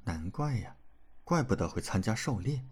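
A man voicing a fierce young swordswoman who sneers and makes threats in a curt, scornful way, in a low, husky voice. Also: big pitch swings, moderate pace, a little mellow, heavily acted. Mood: curious.

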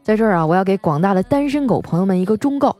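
Mellow-voiced woman telling funny stories. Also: mid-range voice, animated, dry recording. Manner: chatty, with frequent drawn-out particles and laughs. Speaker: radio host. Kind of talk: comic storytelling monologue. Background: faint background music.

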